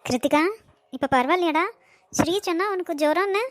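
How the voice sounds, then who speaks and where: A woman's voice: very high-pitched, brisk, dry recording. A woman voicing a worried, protective elderly grandmother in an amateur cartoon, with a Kanyakumari Tamil accent and a pleading, scolding manner. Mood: concerned.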